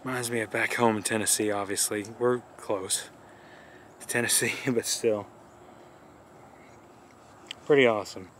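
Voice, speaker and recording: A man's voice: on the low side, steady tone, unhurried, pauses often, fairly bright tone, a little hiss or hum. A man casually narrating a travel vlog outdoors, enthusiastic and easygoing as he tours a riverside walk. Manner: easygoing, enthusiastic tour commentary. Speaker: vlogger.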